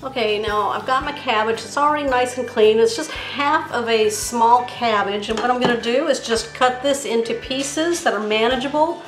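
A woman's voice: fairly high pitch, normal speed, few pauses. A woman hosting a home cooking demonstration, talking step by step and savoring the food as she tastes it. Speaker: cooking channel host. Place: home kitchen. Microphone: camera framed on hands and countertop. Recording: roomy kitchen with faint music.

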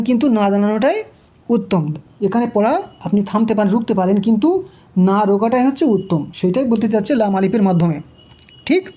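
Mellow-voiced patient Quran reading teacher. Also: medium pitch. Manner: patient, repetitive, spells out letters and vowel marks slowly. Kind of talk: step-by-step recitation lesson.

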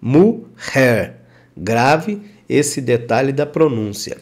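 A man teaches a casual online language lesson at an unhurried, slow pace. His pitch sits in a middle range. He stretches out example phrases and keeps asking the listener to follow along. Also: animated, a little mellow. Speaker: language teacher for truck drivers.

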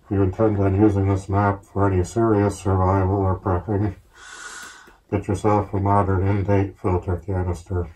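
A man speaking through a gas mask, explaining gear in a steady, plain-spoken, casual show-and-tell way. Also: sits low, moderate pace, slight background noise, low-quality recording. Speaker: collector reviewing military gear.

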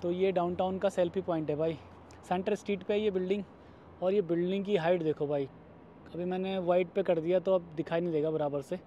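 Man, thirties, from India, casual chatty vlog, higher voice, mellow tone, street noise behind. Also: steady tone, a little fast, lo-fi sound. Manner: chatty, addresses viewers as guys and brother. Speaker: vlogger. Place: outdoors on city streets at night. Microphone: phone held at arm's length.

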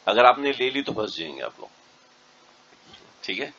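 A man's voice: mid-range voice, sing-song, a bit bright, slight background noise. A man, a mufti, giving an instructional religious talk to a group of pilgrims and often checking that they understand. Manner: keeps checking the audience understands. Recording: dull lo-fi recording.

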